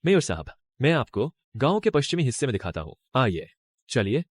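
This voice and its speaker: A young man voicing a polite, smooth-talking village graduate who hides his deceit. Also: medium pitch, very animated, a little fast, no room sound. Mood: deferential. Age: young adult. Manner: eager, deferential, smooth-talking. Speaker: dubbing actor. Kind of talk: Hindi drama dub.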